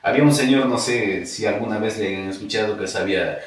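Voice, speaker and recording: A man from Ecuador with an Ecuadorian highland Spanish accent, a podcast guest telling his life story in a casual, animated way and acting out remembered dialogue. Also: fairly quick. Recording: echoey room, distant mic.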